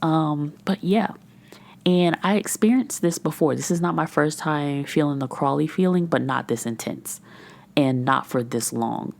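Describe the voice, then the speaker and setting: A woman's voice: deep voice, a little slow, creaky, a little mellow. A woman in her thirties hosting a candid solo podcast, rambling and sometimes dropping to a whisper. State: frustrated and overwhelmed. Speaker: podcast host and menopause coach. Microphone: podcast microphone.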